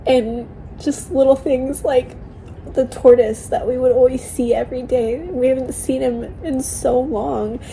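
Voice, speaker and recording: A tearful woman talking casually and haltingly in an emotional, confiding personal vlog. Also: high voice, steady tone, gravelly, warm tone, a little hiss or hum, low-quality recording. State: tearful, crying. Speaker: vlogger sharing a personal update.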